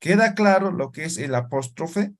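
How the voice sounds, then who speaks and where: A man teaching a language class, talking slowly, checking in with his students and sounding out syllables one by one. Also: a little high, lively intonation. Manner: slow, checks in with "¿no ve?" and "¿ya?". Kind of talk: classroom lesson.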